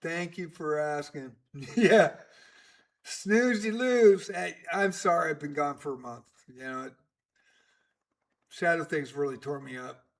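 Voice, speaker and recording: A man's voice: on the high side, fairly even intonation, a little slow, a bit bright. A man in his sixties giving casual live-stream chess commentary, chatty and rambling with many fillers. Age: 60s.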